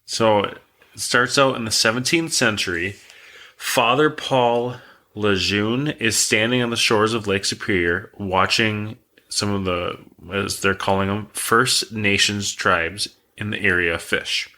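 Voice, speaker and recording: Male podcast co-host, low and bright-toned, relaxed rambling storyteller. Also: unhurried. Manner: relaxed, rambling, reads facts aloud.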